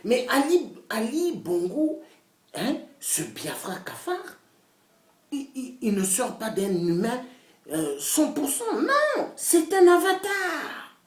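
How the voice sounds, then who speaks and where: A political activist, female, rants passionately at the camera at a slow pace, her pitch wildly expressive. Her fiery, repetitive delivery shifts between loud bursts and quiet whispers. Echo fills the room, and she is recorded from far away.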